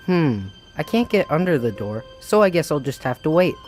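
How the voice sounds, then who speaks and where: A man's voice: fairly high pitch, big pitch swings, normal speed, a little mellow, voice pushed up. A man doing an earnest little flea. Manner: earnest and chatty. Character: small eager male flea who wants to be somebody. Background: background music.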